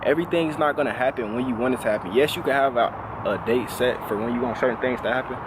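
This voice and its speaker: A man of twenty talking casually and reflectively as a vlogger, relaxed and full of fillers. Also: medium pitch, fast talker, background noise. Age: 20s. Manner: relaxed, conversational, lots of "like" fillers.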